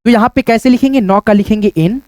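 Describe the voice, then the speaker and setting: A man teaching a whiteboard lesson, spelling out letters slowly and checking in with listeners, sweating as he works. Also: sits high, darkish tone, no room sound. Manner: repeats "friends" and tag questions, spells out letters slowly.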